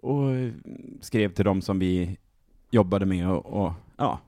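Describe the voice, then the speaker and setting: A man's voice: low-pitched, no echo, studio quality. A man guesting on a casual podcast, telling stories in a playful way. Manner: animated, playful storyteller.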